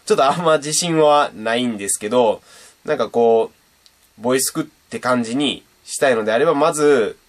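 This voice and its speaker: This casual video lesson features a young Japanese man teaching beatboxing on his channel, chatty and animated while he demonstrates sounds. His voice is medium-pitched at a moderate pace.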